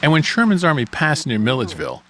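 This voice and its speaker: A man's voice: medium pitch, wildly swooping pitch, quick pace, noisy background. A man hosting a podcast, delivering scripted documentary narration.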